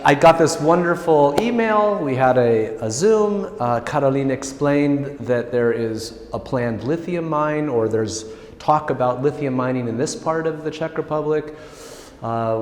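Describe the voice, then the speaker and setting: A man's voice: mid-range voice, darkish tone. An American man from California giving an informal academic lecture, friendly and self-deprecating, with frequent restarts. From California, United States. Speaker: guest lecturer. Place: large public hall. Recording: roomy hall reverb.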